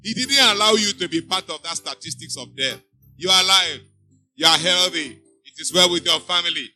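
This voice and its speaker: A pastor preaches to a live church congregation in a high, bright, forceful voice at a fairly quick clip, with faint music behind him. He exhorts his listeners using emphatic, repeating refrains.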